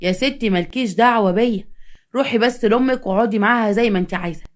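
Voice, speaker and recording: A woman with an Egyptian accent voicing a two-faced, cheating husband who flatters smoothly. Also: a little high, rapid-fire, natural voice. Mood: bored. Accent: Egyptian Arabic.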